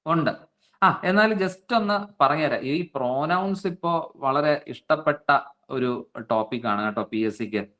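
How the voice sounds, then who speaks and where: A man's voice: on the high side, bright, forceful tone. A man teaching an online exam-prep class, reading out student names and checking their answers. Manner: slow, coaxing explanations.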